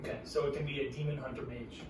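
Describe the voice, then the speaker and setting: A man's voice: medium pitch, level tone, fast talker, a little mellow. A man co-hosting a podcast in casual chat, asking confused questions about the game and poking fun at himself. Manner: asks confused questions, self-deprecating. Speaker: podcast co-host. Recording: roomy, distant mic with background noise.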